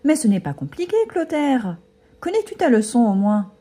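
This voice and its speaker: A woman's voice: on the high side, very animated, normal speed, dark tone, pitched above the performer's own voice. A woman voicing a strict female schoolteacher who speaks firmly and sternly. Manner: firm, stern.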